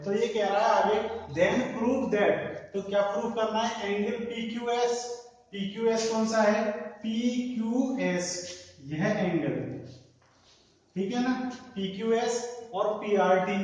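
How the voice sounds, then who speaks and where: A man's voice: high-pitched, darkish tone. A man teaching a maths lesson, often asking the class questions and answering them himself. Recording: echoey room, distant from mic.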